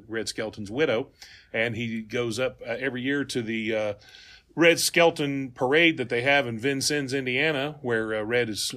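A man with a Southern US accent and a slow drawl, hosting a folksy comedy podcast. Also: medium pitch, fairly bright tone. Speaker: podcast host.

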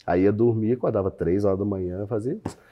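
A man's voice: on the low side, fast talker, highs cut off. A man with a Brazilian accent, a company founder chatting as a guest in a casual interview, telling his story with frequent laughs. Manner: chatty, laughs often, acts out quotes.

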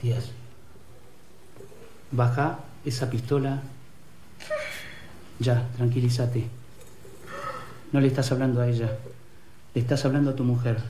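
An actor playing a worried husband trying to calm a colleague in a film scene. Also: male voice, mid-range voice, a little slow, pauses often, very noisy, close to an everyday voice. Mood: tense. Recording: echoey film audio.

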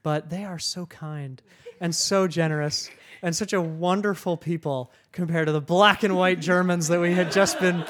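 A man hosting a podcast, telling a travel story to a live audience in an animated way, getting loud when he quotes himself. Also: high-pitched, normal speed. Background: audience laughter.

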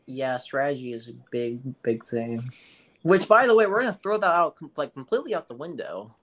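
A man chatting casually about games with friends. He jokes a lot, swears freely and laughs often. His voice sits in a middle pitch. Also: very animated, fairly quick, a bit bright. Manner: joking, crude, laughs often. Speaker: podcast co-host. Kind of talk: casual gaming chat.

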